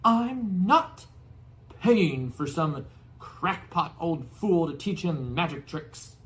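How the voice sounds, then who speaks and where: A blustering, stubborn middle-aged uncle, put on by a male narrator, pitched high with outrage. He spits out his indignation in a storybook reading. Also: animated, slow, roomy sound. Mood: furious. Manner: hissing, yelling, indignant.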